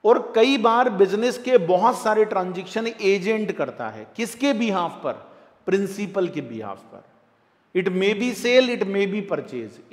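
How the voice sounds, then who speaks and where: A man with an Indian accent giving a classroom lecture on tax, lively and repetitive, often calling his students "dear". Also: high voice, long reverb tail.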